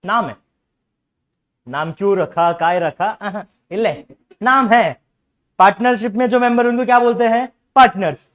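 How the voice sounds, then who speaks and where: Man, high voice, commerce lecture, quizzing and repeating, coaxing tone. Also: measured pace, long pauses, a bit bright. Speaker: commerce teacher. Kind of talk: classroom lecture.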